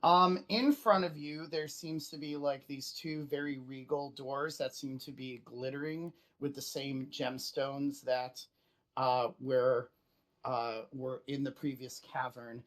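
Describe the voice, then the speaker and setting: This is a game master running a tabletop fantasy game. The speech is mid-pitched, improvised narration mixed with casual asides to the players. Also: fairly even intonation, takes it slowly, fairly bright tone.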